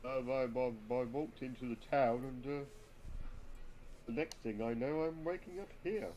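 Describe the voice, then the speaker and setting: A man's voice: medium pitch, normal speed, mellow, slight background noise, close to an everyday voice, rough recording. Man putting on a stammering soldier. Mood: bewildered. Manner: hesitant, stammering. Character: English soldier, bewildered and polite. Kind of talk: tabletop role-play.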